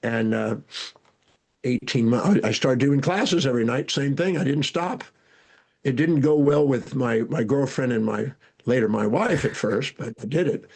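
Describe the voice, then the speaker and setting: An older man, a guest speaker and educator, telling animated stories from his life in an interview, with frequent restarts. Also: medium pitch, normal speed, vocal fry, husky. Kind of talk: storytelling interview answers.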